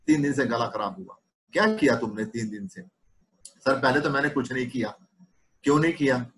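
A man's voice: medium pitch, rough recording. A man who is a homeopathy doctor and teacher, giving a clinical lecture and explaining his points through patient cases and acted-out dialogues.

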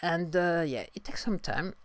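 A young adult woman from France with a French accent, talking through a casual podcast monologue in halting sentences full of restarts and fillers. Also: fairly low pitch, animated, no room sound. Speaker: podcast host, singer-songwriter.

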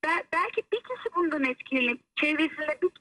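Phone guest: woman, high bright voice, distant speakerphone sound, earnest and halting. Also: expressive. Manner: earnest, halting, with many fillers. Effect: heard over the phone on a loudspeaker. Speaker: guest calling in. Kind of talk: live phone interview.

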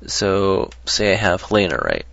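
Brief: deep, gravelly man, loose rambling tutorial delivery, dull dry lo-fi recording. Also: wildly swooping pitch, moderate pace, fairly bright tone. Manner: rambling, hesitant, lots of ums and restarts. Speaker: modding tutorial presenter. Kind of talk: casual screen-recorded tutorial.

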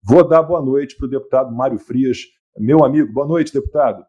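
A man's voice: mid-range voice, normal speed, highs cut off. A man hosting a live political talk show, chatty, greeting guests by name and tagging on "né?" often. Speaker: show host.

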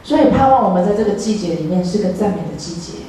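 A woman's voice: medium pitch, animated, fast, mellow. A woman with a Taiwanese Mandarin accent preaching a sermon, earnest and encouraging toward her congregation. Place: church sanctuary. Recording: echoey church hall, distant mic, faint noise.

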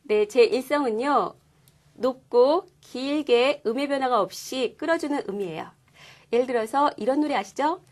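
High-voiced woman teaching a language lesson. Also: moderate pace, a little mellow. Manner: clear, patient explaining with demonstrated sounds. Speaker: Korean-speaking Chinese language teacher. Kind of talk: scripted lesson presentation.

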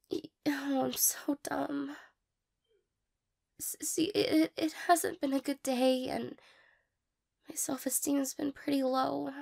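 Here a young woman fully commits to a character voice: a bashful, insecure, weepy girl in an intimate romance roleplay, sounding flustered and disbelieving. Her high, darkish voice is breathy and creaky as she hesitates, stumbles over words and apologizes.

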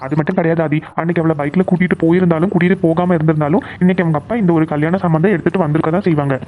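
A man's voice: a little high, fairly even intonation, very fast, lightly acted. A man voicing a troubled, earnest young man torn between his love and his family duties. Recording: tinny phone-like recording.

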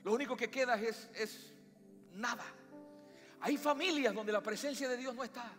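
A man with a Latin American Spanish accent preaching a sermon as pastor, with emphatic rises and slow, stressed phrases. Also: extremely high pitch, a bit bright. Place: church sanctuary. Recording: long church reverb with faint music.

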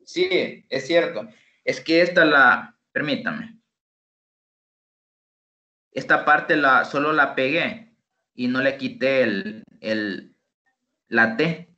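Slow, bright-voiced male tutor. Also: mid-range voice. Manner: slow, repeats and drills example phrases. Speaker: English tutor. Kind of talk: online tutoring session. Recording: dull lo-fi online call audio.

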